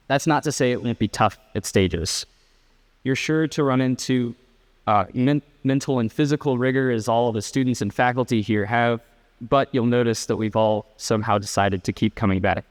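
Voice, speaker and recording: A teenage boy, chair of a student honor council, giving a measured, slightly formal and reflective prepared speech at a school ceremony. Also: medium pitch, clean tone. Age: late teens.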